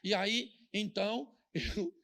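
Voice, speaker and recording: A man's voice: high-pitched, slow pace, vocal fry, fairly bright tone. A middle-aged man with a Brazilian Portuguese accent, a pastor preaching a humorous sermon, joking and telling stories as he acts out the voices of the people in them.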